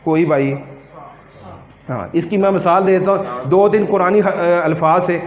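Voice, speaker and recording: A man teaching a Quran pronunciation class, who questions his students and repeats words slowly to correct them. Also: sits high. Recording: echoey room.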